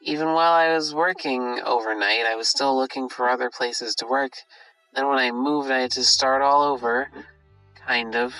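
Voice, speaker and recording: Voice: medium pitch, steady tone, normal speed, sharp tone, no room sound, faint music behind, low-quality recording. A tired person confiding troubles in a rambling, self-deprecating audio journal, casual and sweary, recorded on a phone. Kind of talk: rambling late-night confessional monologue.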